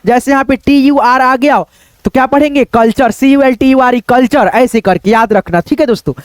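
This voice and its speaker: A man's voice: very high voice, normal speed, dry recording. A man teaching English pronunciation rules, asking and answering his own questions and repeating phrases often. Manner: addresses viewers as friends, repeats phrases. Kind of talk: spoken English lesson.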